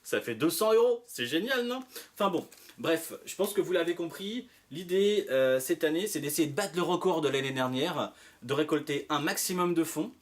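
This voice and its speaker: Male magician, slightly high voice, playful showman pitching his show straight to viewers with teasing questions. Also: moderate pace. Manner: animated showman patter, addressing the audience with rhetorical questions. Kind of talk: playful promotional video address to viewers.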